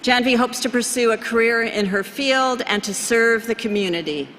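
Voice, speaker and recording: A woman's voice: fairly high pitch, normal speed, fairly bright tone, a little hiss or hum. A woman introducing a student speaker at a university ceremony, poised and scripted. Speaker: ceremony presenter. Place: large convocation hall. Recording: hall reverb with crowd behind.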